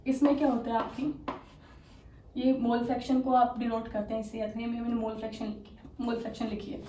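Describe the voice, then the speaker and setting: Recorded far from the mic in an echoey room with faint hiss, a woman teaches chemistry for exam prep in a fairly high, warm, fairly quick voice with little pitch movement. Her step-by-step explanations are full of rhetorical questions, "theek hai," and English technical terms.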